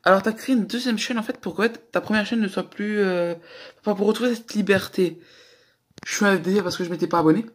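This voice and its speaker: Husky rambling young guy. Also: sits high, a little fast. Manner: rambling, slangy, swears a lot. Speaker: reaction YouTuber. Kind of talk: casual reaction commentary.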